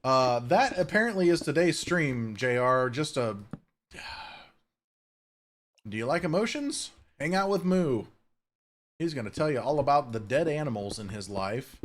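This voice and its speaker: Slow-talking man with a lively swinging voice. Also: mid-range voice, a little hiss or hum. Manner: chatty, swears casually, coos at his cat. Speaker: Minecraft streamer. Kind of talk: casual gameplay commentary.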